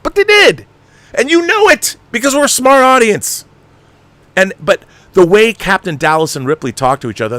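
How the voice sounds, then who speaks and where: As a show host, a man rants unscripted about film, emphatic, exasperated, and profane, repeating phrases to hammer his points home. His voice sits in the mid-range with a fairly bright tone.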